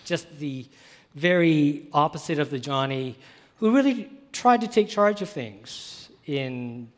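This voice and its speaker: A man, the author, speaking thoughtfully and measured about his life. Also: a little high, lively intonation, big-room sound. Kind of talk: reflective conversation.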